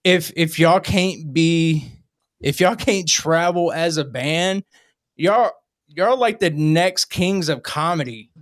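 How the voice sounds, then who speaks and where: A man's voice: a little high, slow pace. A man hosting a casual livestream chat with band guests. He talks loosely and jokingly, with slang and frequent laughs. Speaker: podcast host.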